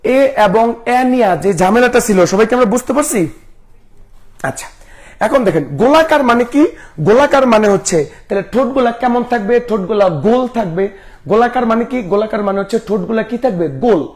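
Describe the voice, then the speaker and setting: A man's voice: high-pitched, expressive, a little fast. A young man teaching a live online class, asking the same questions again and again. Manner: repetitive questioning.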